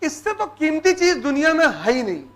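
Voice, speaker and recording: High-voiced blunt teaching man. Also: sing-song, moderate pace, fairly bright tone. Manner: blunt, teasing, colloquial advice. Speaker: motivational teacher. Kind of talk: motivational lecture to students.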